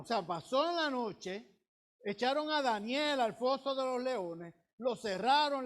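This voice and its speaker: A male pastor preaching a sermon, retelling a scripture story and drawing out words for emphasis. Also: high-pitched.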